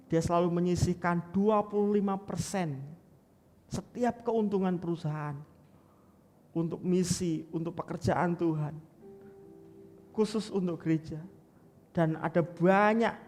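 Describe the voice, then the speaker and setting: Pastor, male, high-pitched, animated storyteller who acts out the characters, church sanctuary with long reverb. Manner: animated storytelling, acting out quotes, addressing congregation as "Saudara". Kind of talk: sermon.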